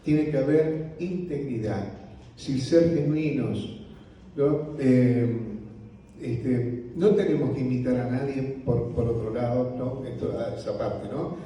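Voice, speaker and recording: A man with a Rioplatense accent teaches church leaders in a gentle, unhurried voice, tagging his points with a soft "right?". His tone is dark and mellow. He is picked up from a distance in a large, echoey hall with a long reverb. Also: mid-range voice, slight background noise. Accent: Rioplatense Spanish. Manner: slow, unhurried delivery with frequent "¿no?" tags; softly spoken. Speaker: pastor. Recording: roomy hall audio from a distance.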